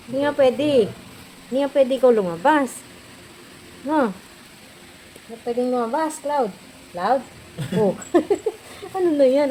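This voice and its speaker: Running a fever and feeling unwell, a woman from the Philippines chats in a casual home vlog indoors, giggling frequently as she baby-talks her cat. Her voice sits on the high side and sounds a little mellow. The rough recording has a bit of hiss or hum.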